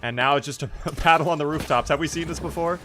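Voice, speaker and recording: A man's voice: fairly high pitch, fast talker, fairly bright tone, a little hiss or hum. A man hosting casual esports commentary, chatty and joking as he banters. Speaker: esports match host and commentator.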